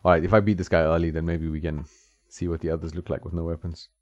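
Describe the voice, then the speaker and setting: A gaming channel host speaks quickly in a low-pitched, darkish voice with little pitch movement and no echo. He's at home playing an old fighting game, chatting and laughing at what's on screen, with game music behind a dry, slightly dull sound.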